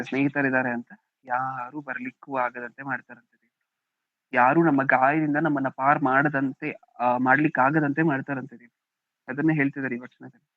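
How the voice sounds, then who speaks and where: A man's voice: mid-range voice, no echo. A man with a Kannada accent preaching a sermon, often asking the congregation questions and reading scripture aloud with emphasis. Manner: asks the congregation rhetorical questions, "hm?". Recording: dry, thin phone-like sound.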